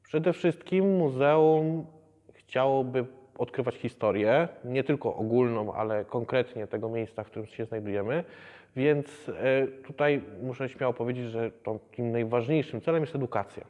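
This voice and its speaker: A man in his thirties, a museum educator, explaining the exhibition in a measured way with many hesitations. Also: mid-range voice, mellow, big-room sound. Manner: measured, with frequent hesitation fillers. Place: museum exhibition hall, indoors.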